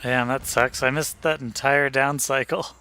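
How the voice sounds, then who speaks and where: Bright-voiced wry gamer guy. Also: medium pitch, fairly even intonation, normal speed, clear, resonant tone. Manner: dry, wry remarks. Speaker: friend in the game session. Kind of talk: casual co-op gaming chat.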